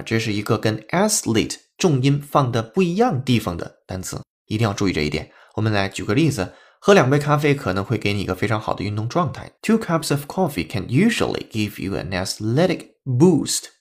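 A man's voice: mid-range voice, big pitch swings, brisk, hardly any pauses. A man hosting a podcast English lesson, explaining step by step and spelling words out letter by letter. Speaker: English teacher.

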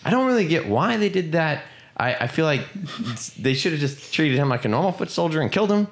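A man's voice: on the high side, brisk, roomy sound. A man co-hosting a podcast, recapping a film in a loose, joking way and acting out the characters in silly voices. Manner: animated, laughing, acts out characters in silly voices. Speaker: podcast co-host. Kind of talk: casual movie recap.

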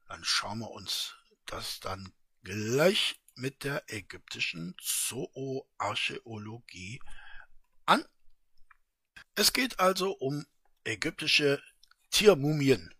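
A man reading a short story aloud as a channel host, slow and expressive. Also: medium pitch, husky, no room sound, clean studio sound.

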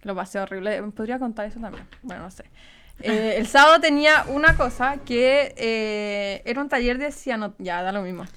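Young woman, Chilean accent, clear resonant voice, somewhat high, chatty and relaxed. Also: normal speed. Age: young adult. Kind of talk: casual chat.

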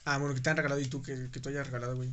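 A man's voice: mid-range voice, level tone, rapid-fire, crowd noise. A man with a Mexican accent chatting casually and slangily, prompting his friends with questions. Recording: some background noise, clicks.

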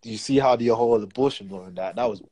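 A man's voice: medium pitch, fast, warm tone, a little hiss or hum. A young man with a London accent co-hosting a casual chat, talking in roadman slang. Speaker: podcast co-host. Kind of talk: casual banter.

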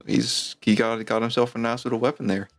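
A man's voice: mid-range voice, little pitch movement, brisk, soft background music. A man acting as game master, chatting casually and joking about his own slips. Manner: joking, stumbling self-deprecation. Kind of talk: casual tabletop game chat.

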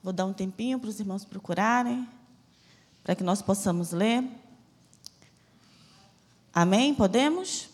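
A missionary woman from Salvador, Bahia, Brazil preaches a fervent, emphatic church sermon with slow, stressed phrases. Her accent mixes Bahian Portuguese with Rio de Janeiro speech. Her mid-range voice has lively intonation, and the church hall gives a big-room sound.

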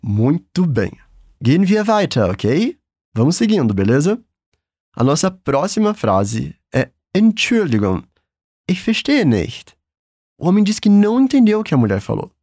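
A Brazilian-accented man leads a language lesson in a fairly high, very lively voice. He is patient and encouraging, and sounds upbeat. The recording is dry and close. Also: moderate pace, husky, no echo. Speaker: German teacher.

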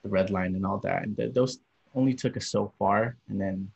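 Gravelly, husky young man, lo-fi. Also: fairly low pitch, moderate pace. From Los Angeles. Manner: relaxed, rambling, many fillers. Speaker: podcast guest. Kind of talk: casual interview. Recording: dull lo-fi audio.

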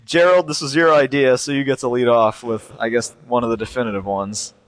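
A man's voice: medium pitch, steady tone, fairly quick. A man hosting a podcast in a casual chat, wordy and wry with a self-deprecating way of talking. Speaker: podcast host.

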